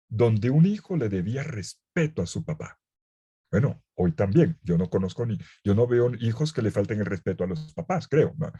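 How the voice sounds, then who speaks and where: A man, a priest giving a lively Bible lecture, full of playful, ironic asides. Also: medium pitch, breathy edge. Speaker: priest teaching a Bible course.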